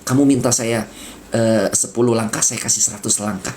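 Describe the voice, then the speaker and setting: A man's voice: medium pitch, steady tone, a little fast, background noise. A man giving casual spiritual coaching in a soothing way, repeating words and dropping in English phrases. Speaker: spiritual mentor.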